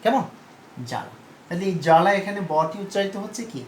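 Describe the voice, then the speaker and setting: A male teacher giving a pronunciation lesson, speaking slowly and repeating each word while he asks his students questions. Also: high-pitched, darkish tone. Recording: echoey room with faint background noise.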